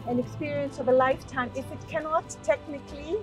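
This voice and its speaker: Woman interviewee, high bright voice, passionate, loud music bed beneath. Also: steady tone, a little fast, poor audio.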